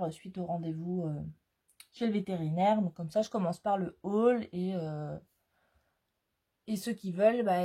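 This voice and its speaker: Woman crafting vlogger, slow and mellow, chatty with lots of fillers. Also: medium pitch, husky. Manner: chatty, hesitant with frequent fillers. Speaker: scrapbooking vlogger. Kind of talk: casual product haul chat.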